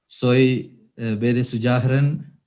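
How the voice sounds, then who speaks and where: Sri guy in his 30s, a priest telling his story, mid pitch, lots of little pauses and restarts. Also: fairly even intonation, darkish tone, lo-fi sound. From Sri Lanka. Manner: unhurried, with frequent hesitations and self-corrections. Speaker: priest and formator. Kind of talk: personal testimony at a workshop.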